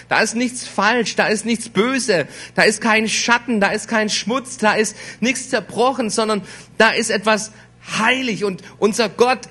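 A man preaching a sermon in a slow, emphatic way, repeating words for weight. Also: sits high, sharp tone, breathy edge.

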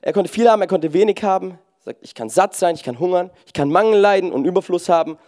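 A man with a high voice preaches in a loose, joking way. He keeps throwing in "hey" and swings between loud bursts and soft, slow lines. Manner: casual, jokey, peppers talk with "hey". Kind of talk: lively sermon.

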